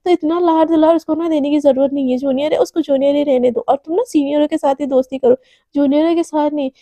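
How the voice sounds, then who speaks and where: A woman's voice: high-pitched, steady tone, quick pace, no room sound, lightly acted. Jealous bossy office senior, voiced by a woman. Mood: taunting. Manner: sharp, taunting.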